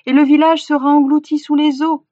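A woman's voice: fairly even intonation, normal speed, husky, dry recording. A woman reading a storybook, voicing a young male village hunter who pleads in a raised voice. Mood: pleading. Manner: pleading, raises voice high and loud. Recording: dull, dry recording.

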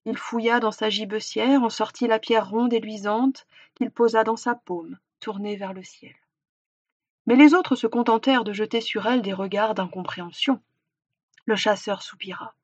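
A woman reading a storybook aloud with expressive narration that slows for effect. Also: medium pitch, husky, no room sound. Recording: dull, dry recording.

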